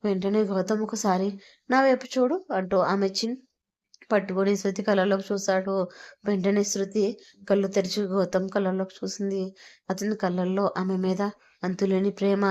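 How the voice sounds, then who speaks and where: A woman narrates a romantic audio story in a steady, expressive reading voice. Her pitch sits in the middle range. The recording sounds a little muffled. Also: moderate pace.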